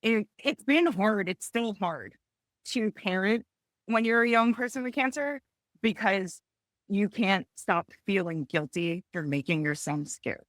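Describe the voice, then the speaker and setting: A woman in her forties sharing a personal story on a panel, tearful and halting, with frequent restarts and apologies. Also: mid-range voice, lively intonation, no echo, studio quality. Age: 40s. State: tearful, close to crying. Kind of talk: emotional personal testimony on a panel.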